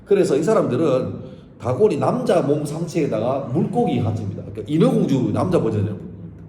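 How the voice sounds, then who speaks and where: Lively male pastor in an echoing hall. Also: mid-range voice, fast, slight background noise. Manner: lively storytelling, acting out scenes. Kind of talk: Bible study sermon. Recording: echoey hall with faint ambience.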